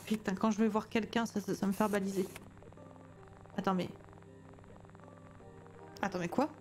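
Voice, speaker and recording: A woman's voice: mid-range voice, flat delivery, brisk, a little mellow, slight background noise. A woman streamer giving jumpy, chatty commentary on a horror game, talking to herself and greeting customers politely. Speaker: gamer streamer.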